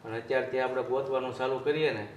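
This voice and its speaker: An actor playing a calm, fatherly older man of the household in a Gujarati film drama. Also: medium pitch, fast talker, lightly acted. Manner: calm, fatherly, plain-spoken. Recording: roomy, distant mic with faint hum.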